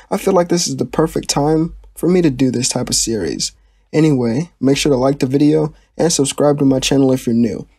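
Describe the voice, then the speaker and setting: A man's voice: on the high side, mellow, husky, no room sound, clean studio sound. A young man hosting his channel and narrating a fan story in a casual, plain way. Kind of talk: reading a fan story aloud.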